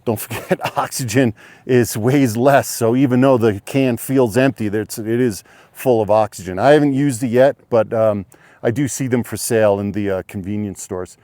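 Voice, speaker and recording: A man vlogging casually while hiking outdoors on a snowy lakeside trail, slightly out of breath, explaining things in a relaxed, rambling way with many fillers. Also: mid-range voice, moderate pace, no room sound. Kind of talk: casual outdoor vlog narration.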